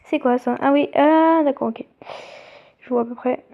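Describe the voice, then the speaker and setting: A young woman chatting casually as she plays a mobile game, reading its text aloud and thinking out loud. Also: sits high, moderate pace. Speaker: let's play gamer. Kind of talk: casual gameplay commentary. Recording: tinny phone-like sound.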